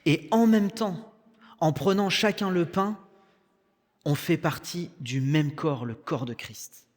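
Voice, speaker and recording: A man's voice: fairly high pitch, slow pace. A young man with a French accent preaching a sermon in a conversational way, with joking asides. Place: church hall. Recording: long church reverb.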